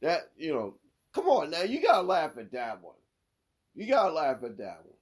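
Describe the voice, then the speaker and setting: A man's voice: fairly high pitch, normal speed, husky. A man hosting a sports podcast, telling corny jokes in a casual way and laughing at his own punchlines. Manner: lively, swings between loud and mumbled. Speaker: podcast host.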